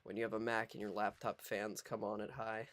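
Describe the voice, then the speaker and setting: A man's voice: fairly low pitch, little pitch movement, fairly quick, a bit bright, slight background noise. A man streaming a game and chatting with friends over voice chat, matter-of-fact with dry quips. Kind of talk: casual gaming chat. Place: online voice chat.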